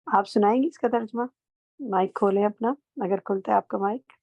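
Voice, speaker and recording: Gravelly-voiced woman teaching an online class. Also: medium pitch, no room sound, phone-quality sound. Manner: encouraging, corrects pronunciation gently. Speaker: Quran translation teacher. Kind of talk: online class, correcting students.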